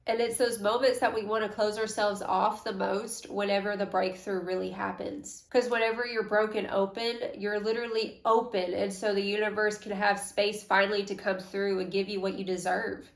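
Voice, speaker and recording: A woman's voice: mid-range voice, little pitch movement, normal speed, few pauses, echoey room. A young woman giving a casual, slangy, affirming tarot reading to her viewers. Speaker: tarot reader.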